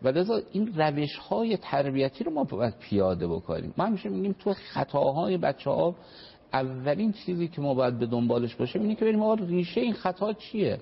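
On a radio talk show, a male family counselor earnestly explains parenting, offering plenty of examples and polite, formal phrases. His fairly high voice is very animated, creaky and husky, and the broadcast sounds dull and lo-fi.

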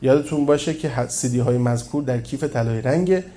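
A man's voice: medium pitch, dark tone, lightly acted. A man reading the part of a stern, zealous man who urges harsh discipline, insistent and commanding.

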